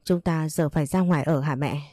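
A woman's voice: sits low, fairly quick, warm tone, no echo, clean studio sound. A woman voicing a small, frightened daughter who speaks in a pleading, tearful way in a storybook reading.

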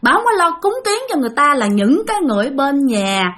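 A woman's voice: high voice, sing-song, quick pace, a bit bright. A woman with a Southern Vietnamese accent telling a ghost story to her listeners in a rambling, casual way, full of fillers and self-corrections.

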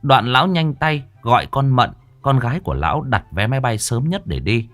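A man narrating a comic folk tale in a lively, animated storytelling manner. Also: mid-range voice, fairly quick, faint music behind.

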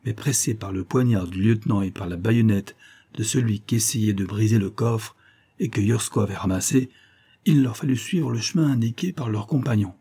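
A male audiobook narrator reads a classic novel at a steady, measured pace. His voice is low and dark, with a husky grain. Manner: steady, measured storytelling delivery.

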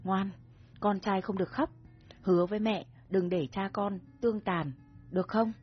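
A woman voicing a dying young mother who speaks slowly and softly with strain, husky, in a storybook reading over soft music. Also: medium pitch, steady tone, natural voice. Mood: weak tender. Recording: dull recording with soft music.

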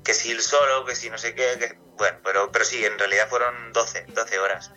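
A man's voice: medium pitch, fairly even intonation, a little fast, bright, forceful tone, soft background music, poor audio. A man from Castilla-La Mancha, a singer being interviewed on radio, answering at length in a casual, rambling way with many restarts. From Castilla-La Mancha, Spain.

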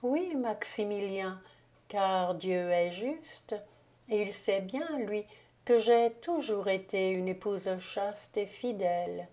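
A woman voicing the ghost of a dead countess in an audiobook, speaking gravely, solemnly and softly. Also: mid-range voice, takes it slowly, lightly acted. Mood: solemn, hushed. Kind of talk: audiobook reading.

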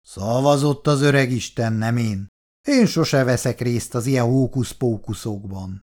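A man voicing a rude, quarrelsome younger tenant who snaps and mocks in a gruff, loud way, in an audiobook reading. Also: mid-range voice, lightly acted. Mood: hostile. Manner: gruff, shouting, mocking.

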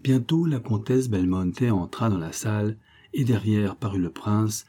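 Low, husky male audiobook narrator. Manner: steady, measured storytelling. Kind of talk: scripted narration.

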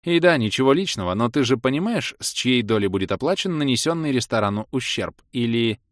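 A man's voice: medium pitch, expressive, a little fast, dry recording, studio quality, pitched above the performer's own voice, close to an everyday voice. A man voicing a stern, commanding noblewoman who speaks sharply and hisses.

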